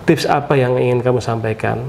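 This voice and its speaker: A middle-aged man hosts a relaxed podcast chat in a fatherly, encouraging way. His voice is dark and gravelly. Faint background noise sits under the recording. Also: medium pitch, a little fast. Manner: fatherly, affirming with frequent hums. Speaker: podcast host, former teacher. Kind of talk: casual interview chat.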